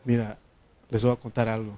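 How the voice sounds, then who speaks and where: A man's voice: on the low side, flat delivery, fairly quick, dark tone. Man preaching a conversational sermon. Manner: conversational preaching, asks the congregation questions. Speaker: pastor.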